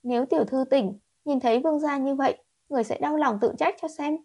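A woman voicing an anxious, devoted young maid in a storybook reading, speaking high and urgently. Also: very slow, no room sound, full character voice. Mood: concerned.

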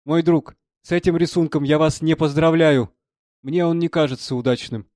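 A man's voice: a little high, moderate pace, darkish tone, no room sound, studio quality, pitched above the performer's own voice, lightly acted. A man doing a sly old prisoner. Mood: teasing. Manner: mild, teasing and ironic.

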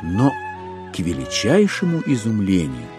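In an audio drama, a male actor with a voice on the low side narrates a classic novel wryly, with ironic relish and deliberate, expressive phrasing. Soft music plays in the background.

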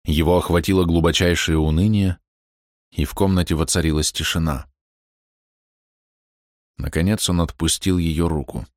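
A man narrating an audiobook in a measured, expressive storytelling manner. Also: low voice, no room sound, clean studio sound.

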